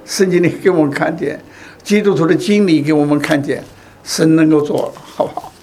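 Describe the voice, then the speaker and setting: A man's voice: on the high side, a little fast, dark tone, a little hiss or hum. A man preaching a sermon, repeating phrases and asking rhetorical questions.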